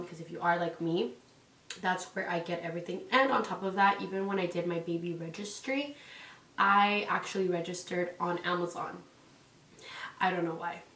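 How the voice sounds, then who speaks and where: A young Californian parenting vlogger chats casually at home, rambling with lots of "like" and "um." Her low-set, slightly bright voice sounds stuffy and congested from a cold. An echoey room and distance from the mic make it loose and hollow.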